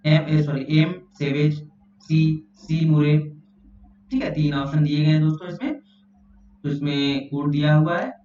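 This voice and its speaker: A man works through exam questions, repeating phrases and checking in with his listeners as he goes. His voice sits a little high. The recording is very echoey and distant, muffled, with a faint hum underneath. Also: a little mellow. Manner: repeats phrases, often says "theek hai" and "doston". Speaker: exam prep teacher. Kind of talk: spoken exam question walkthrough.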